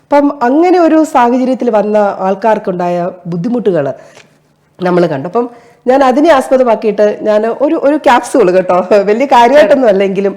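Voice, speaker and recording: A woman's voice: on the high side, lively intonation, fairly quick, mellow. A woman actress as an interview guest, explaining earnestly and at length with fillers and restarts. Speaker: guest, stage and television actress. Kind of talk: casual interview chat.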